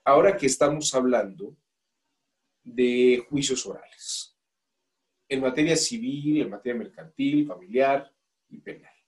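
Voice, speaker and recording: A law course instructor with a Mexican accent lectures a class in a medium-pitched voice, at a measured pace with frequent pauses. He asks the students questions and coaxes volunteers into reading aloud.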